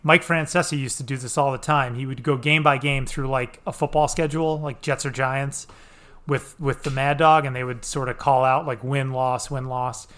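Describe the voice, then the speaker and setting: A man's voice: medium pitch, steady tone, normal speed, a bit bright. A man hosting a casual sports podcast, easygoing and moderating, rambling a little with fillers. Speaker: podcast host.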